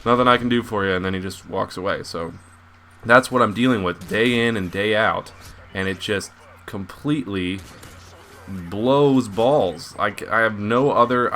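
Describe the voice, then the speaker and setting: A man's voice: fairly low pitch, a bit bright, a little hiss or hum. A young man giving casual video commentary, rambling and self-mocking with lots of restarts. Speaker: YouTube gaming commentator.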